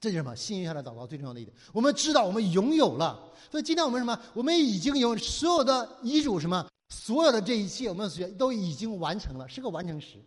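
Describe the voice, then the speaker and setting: High, lively-voiced man preaching in a hall. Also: fast, hardly any pauses. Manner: preaching with constant rhetorical questions for the audience to answer; acts out whining, pleading prayers in a mocking voice. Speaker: pastor. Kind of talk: sermon.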